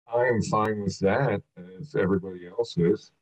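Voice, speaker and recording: A man's voice: fairly low pitch, steady tone, normal speed. A man chairing a meeting over a video call, hesitant with many fillers, his audio muffled and fading in and out. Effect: muffled remote call audio fading in and out. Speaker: commission chair leading a meeting. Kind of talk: casual meeting talk. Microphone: computer on a video call. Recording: dull lo-fi remote call audio.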